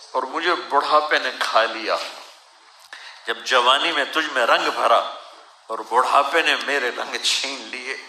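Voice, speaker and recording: Weeping preacher in an echoey hall. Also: male voice, medium pitch, pushed and bright, a little hiss or hum. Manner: tearful, pleading, recites verse in a rising lament. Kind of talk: emotional sermon.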